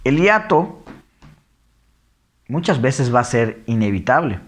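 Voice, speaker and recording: Slow-talking man teaching. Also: medium pitch, big pitch swings. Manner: explanatory, reads examples aloud slowly then fast. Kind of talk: lecture on diction.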